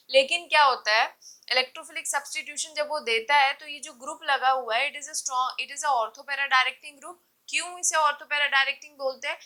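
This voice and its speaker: A woman's voice: high-pitched, sharp tone, rough recording. A woman teaching chemistry in a classroom-style lecture, asking rhetorical questions and answering them herself, with light teasing of her students.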